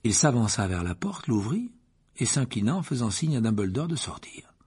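A man's voice: mid-range voice, very animated, normal speed, darkish tone, slightly rough. A man narrating a storybook aloud, voicing all its figures expressively. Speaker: audiobook reader.

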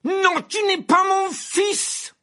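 A man's voice: very high voice, slow pace, pushed and bright, pitched above the performer's own voice, full character voice. A man voicing a stern older male judge who declaims his sentences with cold fury in an audiobook reading. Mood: thundering. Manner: thundering, declaiming. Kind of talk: audiobook character voice.

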